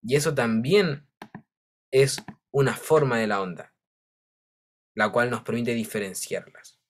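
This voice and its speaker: A man's voice: medium pitch, a little slow, slight background noise. Man, teacher, patient step-by-step explaining, frequent check-ins. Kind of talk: online class lecture.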